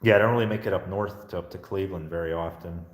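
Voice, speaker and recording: A man's voice: low-pitched, quick pace. An American man from the Pittsburgh area chatting casually on a live stream as a paranormal investigator, in an echoing stairwell. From Pittsburgh area, United States. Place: indoor stairwell of an old seminary building. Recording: echoing stairwell, long reverb.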